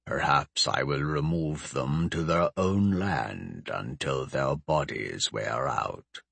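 An ancient undead sorcerer, with an extremely deep, husky voice. He speaks slowly and with commanding calm, cold and grandiose, in a dry, close audiobook sound. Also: no room sound, full character voice. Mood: calm, dismissive. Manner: slow, measured, commanding. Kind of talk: audiobook character voice.

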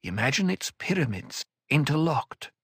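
A man voicing a calm, cutting older woman mentor in an audiobook, speaking in a measured, dry way. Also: on the high side, breathy edge, dry recording, heavily acted. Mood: cool.

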